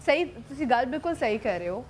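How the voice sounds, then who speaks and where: A woman's voice: on the high side, sing-song, a little hiss or hum. A woman hosting a live morning show, taking phone calls in a chatty, casual way and slipping into Punjabi. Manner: chatty, slips into Punjabi with callers. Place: TV studio.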